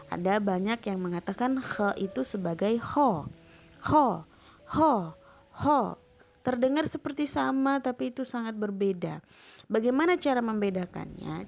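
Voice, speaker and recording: A woman's voice: fairly high pitch, vocal fry, darkish tone. A woman teaching Quran recitation rules, patiently demonstrating each sound by repeating it. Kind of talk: tajwid lesson with spoken demonstrations. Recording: background music under voice.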